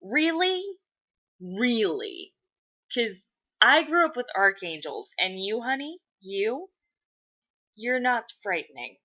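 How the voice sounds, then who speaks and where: A woman's voice: on the high side, big pitch swings, slow, long pauses, sharp tone, muffled recording, pitched above the performer's own voice, heavily acted. A woman voicing a cocky, centuries-old male angel who is exasperated and sarcastic with demons. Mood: dismissive.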